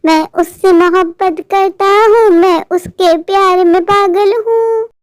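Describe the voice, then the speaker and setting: A lovestruck young male crow, voiced by a woman in a cartoon, eager and a little anxious as he pleads. The voice sits very high. The recording is dry and close. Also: fairly even intonation, slow pace, no echo. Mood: excited. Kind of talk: cartoon voice acting.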